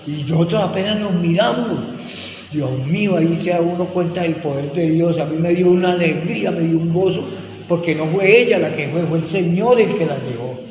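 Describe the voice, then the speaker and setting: A man's voice: on the high side, brisk, darkish tone. Earnest middle-aged man, echoey hall. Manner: earnest, emotional storytelling with quoted dialogue. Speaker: testimony speaker at a rehab ministry. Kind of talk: personal testimony. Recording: echoey hall with faint background noise.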